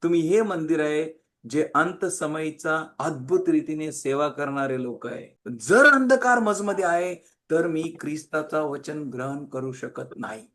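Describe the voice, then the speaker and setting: A man preaching a sermon, emphatic, swinging between loud and quiet and repeating phrases in long lists. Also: a little high, fairly even intonation, measured pace.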